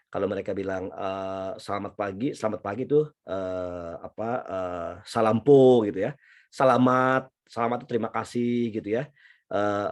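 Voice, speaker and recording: A man's voice: fairly low pitch, a little mellow. A middle-aged man from Indonesia giving a casual university lecture, chatty and anecdotal, with many fillers and restarts.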